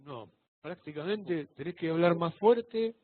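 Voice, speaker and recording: A man's voice: fairly high pitch, unhurried. A man teaching electronics in a live online class, explaining informally and directly with a Rioplatense Spanish accent. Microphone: video call. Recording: tinny video call audio.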